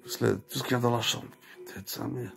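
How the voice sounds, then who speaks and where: A man's voice: medium pitch, fairly even intonation, quick pace, gravelly, over music. A young man chatting casually with a friend, tired and drowsy, slangy and profane, laughing often. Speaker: vlogger. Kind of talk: casual rambling chat to a friend.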